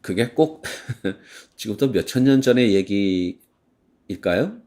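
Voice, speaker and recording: Pastor guy preaching in church, voice jumps all over, acts out the angry bits. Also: on the low side. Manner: animated, acts out shouted complaints, sings a hymn slowly. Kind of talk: sermon.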